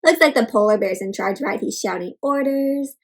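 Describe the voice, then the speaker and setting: At a moderate pace and in a slightly high voice, a woman hosts a children's storybook read-aloud. She works like a teacher, asking the kids questions and giving simple explanations of words.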